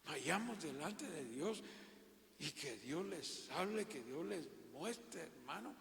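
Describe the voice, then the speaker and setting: A man with a Guatemalan accent preaching a fervent, halting sermon in a church hall and often calling his listeners brother. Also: fairly high pitch, expressive, vocal fry, fairly bright tone. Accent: Guatemalan Spanish.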